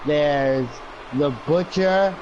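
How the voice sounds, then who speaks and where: A man's voice: fairly high pitch, drawn-out words, background noise. Brash male wrestling commentator, lo-fi. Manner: brash, boastful, joking. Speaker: wrestling commentator for a game stream. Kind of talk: play-by-play commentary in character.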